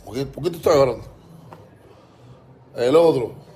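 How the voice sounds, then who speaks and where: A man's voice: mid-range voice, animated, normal speed, warm tone, a little hiss or hum. Heated Cuban man ranting. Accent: Cuban Spanish. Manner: heated, repetitive, stumbling, profane. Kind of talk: casual ranting monologue.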